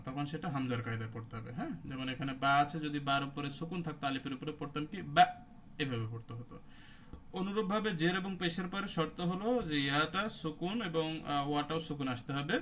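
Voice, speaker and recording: A man's voice: fairly high pitch, fairly bright tone, a little hiss or hum. A man, teaching Quran recitation rules in an online class. He explains step by step, asks questions and answers them himself, and stretches out sounds to demonstrate them.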